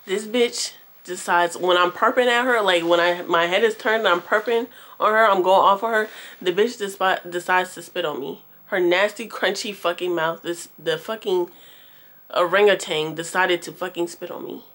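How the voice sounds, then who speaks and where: A young woman vlogger telling a storytime tale to her viewers, casual, animated and heavily profane. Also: on the low side, normal speed.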